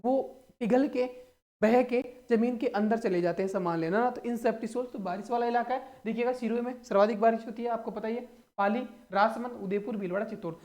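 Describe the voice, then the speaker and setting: A man's voice: very high voice, steady tone, fairly quick, darkish tone. A man coaching students for exams, teaching through playful mnemonic stories and rhetorical questions, often calling his listeners brother and friends. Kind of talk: energetic exam-prep lesson.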